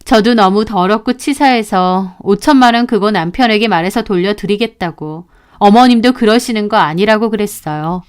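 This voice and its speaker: A woman's voice: mid-range voice, moderate pace, smooth. A woman narrating her own story as a daughter-in-law, speaking in an indignant, aggrieved tone.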